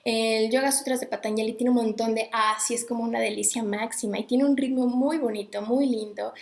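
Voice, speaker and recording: A woman's voice: a little high, fairly even intonation, brisk, gravelly, a little mellow, echoey room. A woman talking casually to viewers, chatty and digressive, stopping to greet people as she goes. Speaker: host. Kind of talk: casual live talk on Sanskrit recitation.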